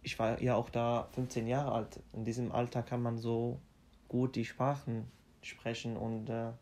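In a casual interview, a young native Arabic speaker talks with an even voice at a middle pitch. His speech is halting with frequent restarts, and his wording stays simple and plain.

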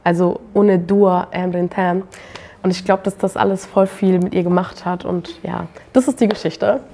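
A woman's voice: lowish voice, steady tone, moderate pace, creaky, mellow, slight background noise. A young woman poet talking casually on a live panel, telling stories animatedly and laughing often.

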